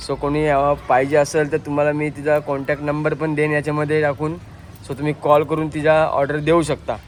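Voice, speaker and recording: A man's voice: a little high, monotone, a little fast. A man vlogging casually with a handheld phone camera, chatting directly to his viewers as he moves around town outdoors and in his vehicle. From Maharashtra, India. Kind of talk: casual vlog narration. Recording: noisy outdoor street recording.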